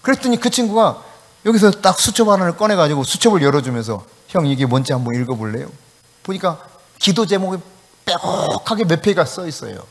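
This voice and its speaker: A male pastor preaching a sermon, telling a story with acted-out dialogue and sudden shouted commands. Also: sits high, sing-song, brisk, big-room sound. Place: church sanctuary.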